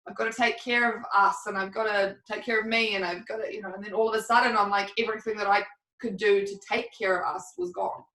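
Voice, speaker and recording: A woman's voice: mid-range voice, fairly even intonation, quick pace, pushed and bright. A woman co-hosting a podcast in a casual chat, rambling and candid, laughing often. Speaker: podcast co-host. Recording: roomy, a bit distant from the mic.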